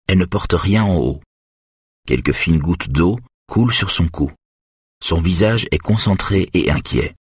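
Deep husky male story reader. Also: lively intonation, a little slow, dry recording, studio quality. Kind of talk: reading a novel aloud.

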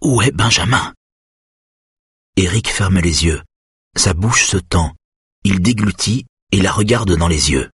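Deep, husky male narrator. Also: measured pace, no echo, studio quality. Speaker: audiobook narrator. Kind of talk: scripted narration.

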